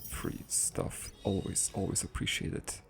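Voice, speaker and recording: A man's voice: unhurried, faint music behind. A man casually thinking aloud while playing a game and reading its text out as he goes. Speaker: gaming let's-play host.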